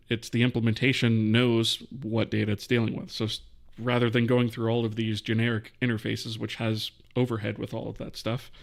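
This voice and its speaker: A man's voice: mid-range voice, vocal fry. A man hosting a live coding stream, thinking aloud as he types and answering questions from chat.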